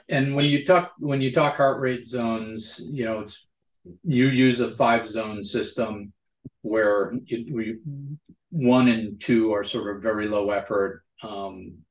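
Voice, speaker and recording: A man hosting a casual interview, explaining things and often checking in for agreement, in a roomy, echoing recording. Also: lowish voice. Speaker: podcast host.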